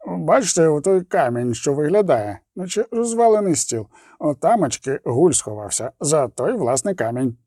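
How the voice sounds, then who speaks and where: A man voicing a jumpy, excitable male gnome in an audiobook, insistent and anxious. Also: a little high, moderate pace, no room sound, clean studio sound. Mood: jittery.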